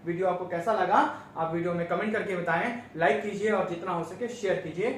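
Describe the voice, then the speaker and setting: A man teaching an exam-prep grammar lesson, slowly repeating correct and incorrect forms to drill them in. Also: high voice, a little hiss or hum. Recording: very echoey room, mic at a distance.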